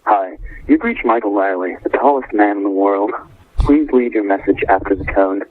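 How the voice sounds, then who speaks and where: A man's voice: on the low side, moderate pace. A man's recorded answering-machine greeting, heard over a landline phone. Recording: tinny phone line with faint hiss.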